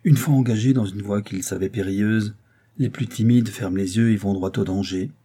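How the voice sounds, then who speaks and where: A man narrating a classic novel as an audiobook in a measured storytelling manner. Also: fairly low pitch, mellow, breathy edge.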